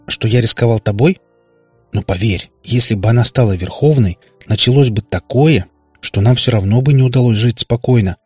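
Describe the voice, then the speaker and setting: A man's voice: medium pitch, normal speed, darkish tone, husky, no room sound, faint music behind, natural voice. A man playing a flustered hermit warlock father. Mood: pleading. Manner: flustered, pleading, mumbling.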